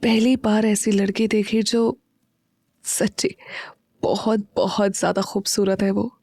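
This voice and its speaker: A woman's voice: little pitch movement, takes it slowly, dry recording. Woman voicing a tender, teasing young husband. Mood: loving. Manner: soft, low, intimate murmuring.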